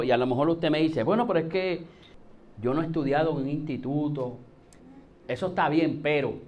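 A man preaching a sermon, posing rhetorical questions to his listeners and rising to emphatic, drawn-out peaks. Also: a little high.

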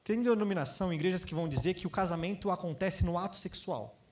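A man with a Brazilian Portuguese accent preaching a sermon, lively, acting out quoted voices and asking his congregation questions. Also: sits high, fast. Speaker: pastor.

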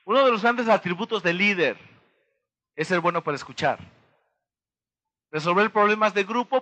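A man with a Mexican accent giving a motivational talk to an audience, pausing to throw them rhetorical questions and act out little dialogues. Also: high voice, sharp tone. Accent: Mexican Spanish. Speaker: motivational speaker.

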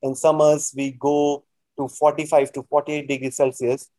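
A man with a North Indian accent and Hindi as his first language speaks in a dry, slightly dark voice. He talks casually as an interview guest, feeling his way through sentences with repeated phrases. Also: a little high, little pitch movement, moderate pace, dry recording, poor audio. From New Delhi, India. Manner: hesitant, repetitive phrasing with frequent "like".

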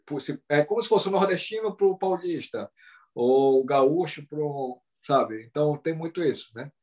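Lively, high-voiced Brazilian man chatting. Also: normal speed. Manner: animated, tags sentences with "entendeu?" and "sabe?". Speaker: Brazilian living in Japan, talking about the language. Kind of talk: casual chat.

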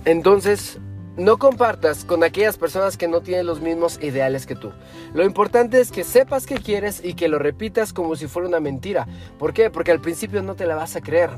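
A man speaks in a notably high voice, coaching the listener through a self-help talk. He talks animatedly, asking himself questions and counting off steps. Soft music plays faintly behind him. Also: normal speed. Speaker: motivational speaker.

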